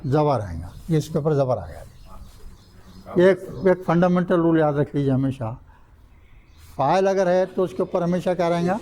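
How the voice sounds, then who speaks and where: Older man teaching grammar, mellow voice. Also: on the high side, animated, long pauses, slight background noise. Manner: asks the class questions and answers them himself, repeats key rules. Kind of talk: classroom lecture. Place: mosque classroom.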